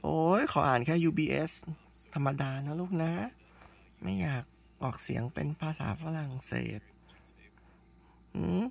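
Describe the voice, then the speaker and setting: A woman chatting slowly and dotingly to her cat in a teasing, affectionate way, humming between phrases. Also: low voice, creaky, husky. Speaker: vlogger talking to her cat. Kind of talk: casual chat addressed to a pet.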